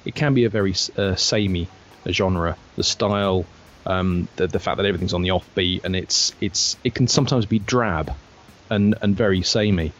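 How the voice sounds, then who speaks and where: A man's voice: low-pitched, normal speed, dull audio. Hesitant man chatting as a podcast guest. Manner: hesitant, restarts a lot. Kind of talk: casual panel chat.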